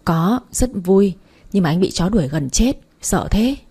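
A woman reading a story aloud, voicing a gentle, teasing young man who comforts his girlfriend, in a soft husky voice. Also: medium pitch, lively intonation, a little slow.

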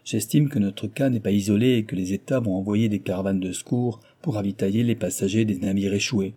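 A man's voice: lowish voice, a little fast, mellow, husky, no echo. A man voicing a self-assured, mocking American billionaire in an audiobook, talking with animation. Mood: animated.

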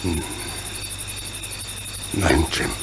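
A man playing a burly, kindly, fatherly locomotive engineer in a German radio play, earnest and comradely in manner. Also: extremely slow. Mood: grave, worried. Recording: noisy recording with cricket chirps behind. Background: chirping crickets, night ambience.

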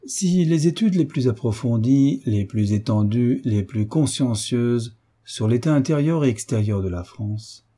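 A man's voice: medium pitch, dark tone, lightly acted. A man voicing a pompous, easily offended baron in an audiobook, orating with indignation. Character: pompous touchy aging baron, self-important politician. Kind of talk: audiobook character reading.

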